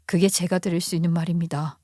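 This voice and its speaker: A woman's voice: on the low side, fairly even intonation, quick pace, mellow, dry recording, studio quality, pitched below the performer's own voice, natural voice. A woman voicing a young man who is engaged to her husband's sister, speaking in a firm, formal and disapproving way. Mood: stern.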